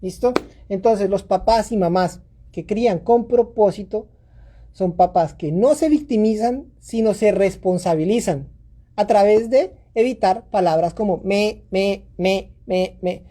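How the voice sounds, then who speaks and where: A woman hosts a parenting talk with a mellow, warm tone. She speaks earnestly, like a coach, and sometimes acts out the voice of an upset parent before going back to calm advice. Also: medium pitch, a little slow. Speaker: parenting podcast host.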